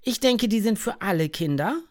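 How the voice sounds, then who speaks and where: A woman voicing a curious, brave young boy who calls out loudly in a storybook. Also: mid-range voice, moderate pace, voice pushed up, close to an everyday voice. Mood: eager. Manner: excited, loud calling out.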